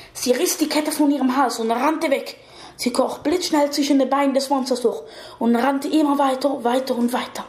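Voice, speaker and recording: A woman's voice: sits high, a little mellow. A woman reading a fantasy story aloud, with small slips and self-corrections, in an echoey room.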